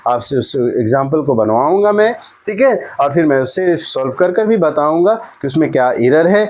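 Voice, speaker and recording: Chatty man teaching grammar, fairly high voice. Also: lively intonation, normal speed, a little mellow. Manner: repeats "ठीक है ना" often, asks and answers his own questions. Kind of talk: explaining a grammar lesson.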